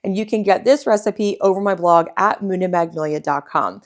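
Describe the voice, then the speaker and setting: A woman's voice: fairly low pitch, brisk. Easygoing woman teaching home baking. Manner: friendly, easygoing instruction. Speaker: baking channel host. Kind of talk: step-by-step baking tutorial.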